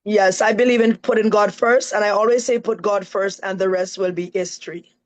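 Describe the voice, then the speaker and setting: A woman's voice: mid-range voice, steady tone, a little fast, lo-fi sound. Jamaican woman, interview guest, earnest and emphatic, keeps adding "right?". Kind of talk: live-stream interview, telling her story.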